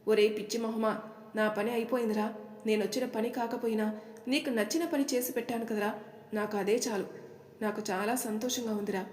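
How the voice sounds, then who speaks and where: A woman's voice: a little high, fairly even intonation, brisk, a little mellow, close to an everyday voice. A woman voicing a fond middle-aged uncle. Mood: sad. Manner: fond, chiding, heartfelt. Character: middle-aged maternal uncle, affectionate and scolding. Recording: echoey room with long reverb.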